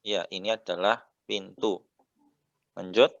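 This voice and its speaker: An Indonesian man teaching Arabic patiently, often saying "ya" and drawing out the vowel endings slowly. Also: deep voice, steady tone, gravelly, no echo, muffled recording. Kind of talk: relaxed teaching.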